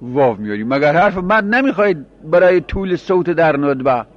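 A man's voice: fairly high pitch, expressive, dull audio. A man teaching a grammar class, explaining by repeating examples and asking his students questions.

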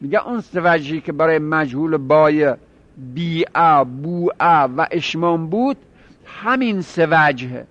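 A man's voice: high-pitched, a bit bright. A man teaching a grammar lesson, explaining step by step and repeating word forms to drill them. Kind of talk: seminary-style grammar lesson. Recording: dull lo-fi recording.

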